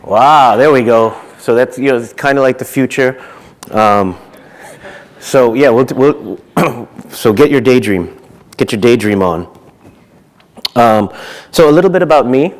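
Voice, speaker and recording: A man's voice: mid-range voice, a little slow, long pauses. A man in his thirties, from Zimbabwe, giving a casual conference talk on stage with many fillers and restarts. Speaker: conference speaker.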